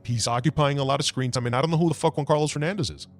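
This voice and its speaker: A man's voice: medium pitch, racing, soft background music, voice pushed down, close to an everyday voice. A man voicing a blunt, profane film investor who swears freely and dismisses the actor out of hand. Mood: scoffing.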